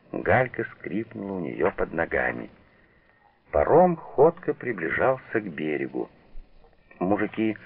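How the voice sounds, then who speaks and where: Brief: deep gravelly male reader, lively delivery, tinny old radio. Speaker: narrator. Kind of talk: literary reading for radio.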